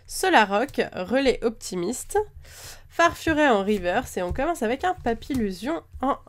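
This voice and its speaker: With big pitch swings in an unhurried, high-sided voice, a woman opens trading card packs for a video and lists each one. She has a slight cold and chats casually, filling gaps with frequent hesitant "euh" sounds.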